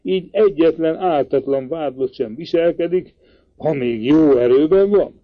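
A man's voice: fairly high pitch, dull audio, pitched above the performer's own voice, natural voice. A man voicing an agitated elderly uncle who exclaims and pleads. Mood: pleading.

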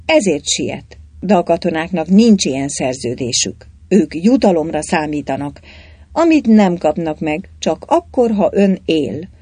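A woman's voice: on the low side, very animated, warm tone, husky, dry recording. A narrator voicing a defiant young woman who leads a rebellion, fiery and commanding.

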